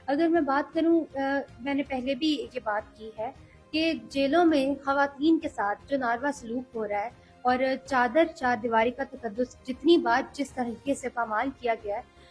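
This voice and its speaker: A young woman speaking earnestly as an interview guest, measured and hesitant at times. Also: high voice, poor audio. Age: young adult. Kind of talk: political interview.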